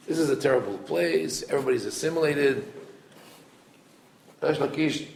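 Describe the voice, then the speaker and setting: A rabbi gives an informal Torah lesson in a conversational style, restarting often and quickly reading Hebrew quotes before translating them. His voice sits fairly high, with a slight hiss or hum. The room is echoey.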